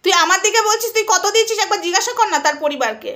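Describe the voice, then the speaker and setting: Woman, very high voice, bright and sharp, taunting, scolding vlog. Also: animated, rapid-fire. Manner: scolding, taunting, rhetorical questions. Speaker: social media vlogger. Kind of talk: angry callout vlog addressed to a rival.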